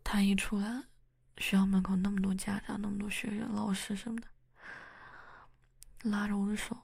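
A woman playing a soft-whispering young wife with a creaky edge. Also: medium pitch, level tone, moderate pace, no echo, clean studio sound. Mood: gentle. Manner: intimate, teasing, chatty. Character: young wife, playful, easily flustered. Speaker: wife and mother talking to her husband. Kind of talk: whispered role-play.

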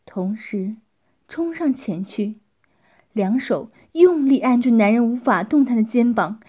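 Slow, high-voiced woman narrating. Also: husky. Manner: drops into soft, half-whispered passages. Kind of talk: storytelling narration.

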